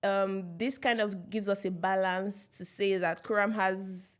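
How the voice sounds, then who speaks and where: A woman's voice: medium pitch, fairly even intonation, measured pace. Upbeat chatty woman hosting a real estate interview. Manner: upbeat, laughs often, chatty. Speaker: real estate show host.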